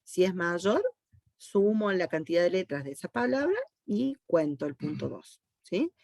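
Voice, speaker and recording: A woman's voice: lowish voice, lively intonation, unhurried, gravelly, darkish tone, no echo, clean studio sound. A woman with an Argentine accent teaching a class online, patiently walking students through code step by step and often checking that they follow. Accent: Argentine Spanish. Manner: patient, checks understanding with frequent "¿sí?". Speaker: university teacher.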